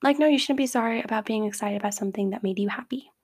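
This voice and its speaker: A woman hosts a casual advice talk in a slightly high voice at a racing pace, chatty and full of fillers like "like." When she quotes someone, she acts the remarks out in a brighter voice.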